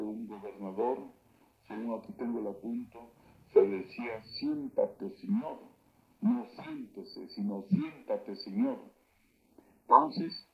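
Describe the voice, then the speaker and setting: A man teaching words of an old local language, saying each word slowly and loudly and then explaining its meaning. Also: mid-range voice, vocal fry, dull audio. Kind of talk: spoken vocabulary lesson.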